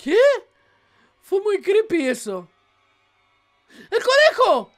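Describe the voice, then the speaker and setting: Shrieking excitable Argentine woman gamer. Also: very high voice, takes it slowly, faint music behind. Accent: Argentine Spanish. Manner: excitable, shrieks and laughs a lot. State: sore throat. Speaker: gaming YouTuber. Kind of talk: let's play commentary.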